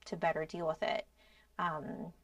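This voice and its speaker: Speaking at a measured pace in a deep voice with little pitch movement, a middle-aged American podcast co-host earnestly, somewhat hesitantly explains a grief program in conversation. She's in a small indoor studio with a boom-arm mic, though the dry recording sounds far from it.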